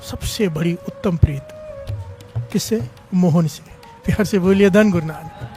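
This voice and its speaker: A man's voice: high voice, mellow. A man preaching a sermon, fervently leading the congregation in call-and-response chants. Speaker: preacher at a devotional gathering.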